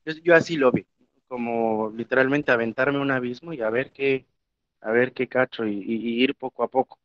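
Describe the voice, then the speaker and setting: Speaking at a moderate pace with fairly even intonation and a medium pitch, a young Mexican historian and Nahuatl teacher reflects during a panel discussion, using many filler words. A native Spanish speaker, he has a Mexican Spanish accent, and the muffled lo-fi audio is dry with no room sound.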